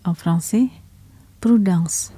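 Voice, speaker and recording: A woman teaching a language lesson in a slow, deliberate scripted style, saying each word twice. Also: lowish voice, mellow, breathy edge, no room sound.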